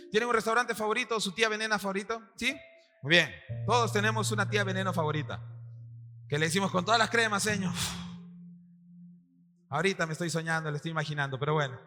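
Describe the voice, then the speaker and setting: A male pastor with a Peruvian accent preaching a sermon to his congregation, acting out quotes and firing questions at the room. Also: high-pitched. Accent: Peruvian Spanish. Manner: animated, acts out quotes, quizzes the congregation. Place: church hall with congregation. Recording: long hall reverb, faint music.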